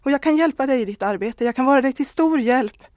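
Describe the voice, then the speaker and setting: A woman's voice: high-pitched, darkish tone, no echo, voice pushed up, natural voice. A woman voicing a married woman who confesses a love affair, earnest and pleading, close to tears. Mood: torn.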